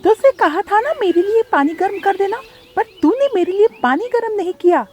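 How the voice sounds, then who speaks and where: Woman doing a shrill bratty bird girl. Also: animated, normal speed, a little mellow. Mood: whiny accusing. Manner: whiny, accusing, shrill. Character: spoiled bratty young female bird, stepsister.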